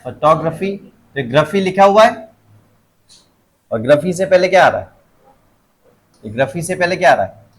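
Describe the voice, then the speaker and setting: A middle-aged man with a Hindi accent, teaching a phonetics lesson. He keeps quizzing the class and repeats each word slowly. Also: a little high, animated, poor audio. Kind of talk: phonetics lesson for exam students.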